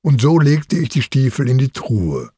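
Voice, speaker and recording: A man's voice: mid-range voice, big pitch swings, moderate pace, dark tone, breathy edge, dry recording. A man narrating a children's audio story as the children's uncle, in a storytelling manner.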